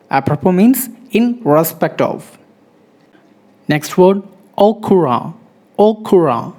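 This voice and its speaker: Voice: medium pitch, dark tone. Teacher repeating every word. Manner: repeats each word and meaning several times, spelling out silent letters; halting, with frequent restarts and fillers. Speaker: English grammar teacher. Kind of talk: recorded vocabulary lesson.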